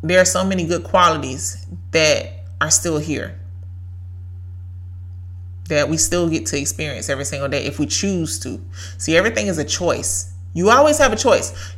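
Woman in her thirties, podcast host, fairly low voice, preachy and emphatic with repeated lines. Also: fairly bright tone. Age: 30s. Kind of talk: faith-based motivational talk.

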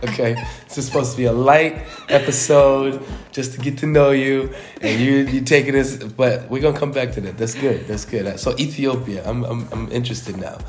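A man's voice: medium pitch, fairly even intonation, normal speed, a little hiss or hum. Playful man asking questions, echoey room. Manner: playful, teasing, repeats words. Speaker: interviewer, host's husband. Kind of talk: casual interview chat.

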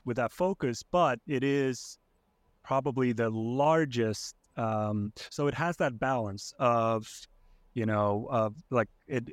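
A man from Iceland, a podcast guest, talking casually and thoughtfully with many pauses and restarts. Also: medium pitch, no room sound, studio quality. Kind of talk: casual conversation.

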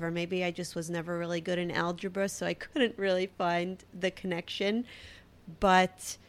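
A woman in her thirties with a Brooklyn accent talks alone into the mic as a podcast host. Her voice sits at an ordinary middle pitch. She chats loosely and pokes fun at herself. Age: 30s. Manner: chatty and self-deprecating. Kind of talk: casual solo podcast talk.

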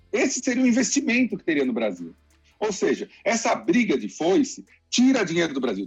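Lively husky man explaining economics. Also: a little high. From Brazil. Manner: lively explainer, acts out quotes. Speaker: economic commentator. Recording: dull lo-fi sound with faint music.

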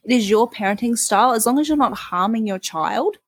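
Young mum podcaster, bit husky, blunt and emphatic, dry close sound. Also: female voice, a little high, lively intonation, fairly quick, no echo. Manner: frank, emphatic, swears casually. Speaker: podcast co-host. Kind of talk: casual chat.

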